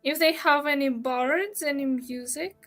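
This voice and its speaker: A woman playing a tabletop game, roleplaying casually with hesitant, halting speech. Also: high-pitched, a bit bright, soft background music.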